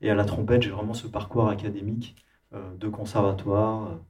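A man from France, a musician and producer, talking in a relaxed interview with many hesitations and restarts. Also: lowish voice, a little fast, far from the mic.

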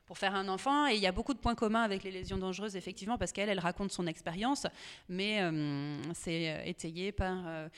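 Woman editor on a podcast, smooth clear voice, lots of ums and restarts. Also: mid-range voice, a little fast. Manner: hesitant, many fillers and restarts. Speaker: guest, comics editor. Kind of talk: podcast interview.

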